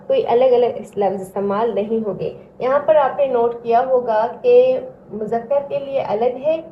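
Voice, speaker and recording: A woman teaching Arabic grammar, patiently repeating each word several times and giving its meaning. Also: on the high side. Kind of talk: slow, repetitive classroom drilling. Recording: echoey, slightly dull recording with faint hiss.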